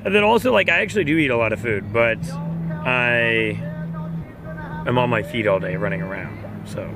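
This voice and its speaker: An upbeat cruise director hosts a casual Q&A, reading questions aloud and talking conversationally while music plays behind him. His medium-pitched voice has lively intonation, a moderate pace, and some vocal fry, and the recording is rough.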